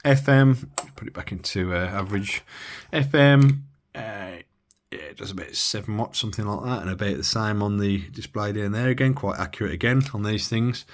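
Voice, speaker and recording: A radio hobby vlogger from the English Midlands gives a casual hands-on demo in a very low voice. He speaks haltingly, with many fillers and restarts.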